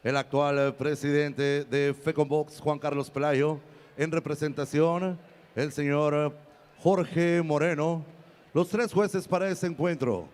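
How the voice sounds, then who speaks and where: High-pitched, showy bilingual male ring announcer, lucha-libre style. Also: steady tone, measured pace, darkish tone. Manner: showy, stretches out names and titles.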